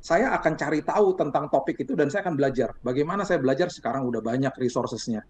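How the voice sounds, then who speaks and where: A man speaking as a pastor and podcast guest, telling stories in a lively conversational preaching style. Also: mid-range voice, fast. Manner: animated storyteller, acts out quotes.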